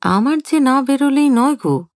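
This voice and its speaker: A teasing older husband, as a woman narrator puts him on, full of playful, mock-innocent banter. The voice sits fairly high and swings lively up and down. It is heard dry and close, like an audio storybook. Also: moderate pace, dry recording.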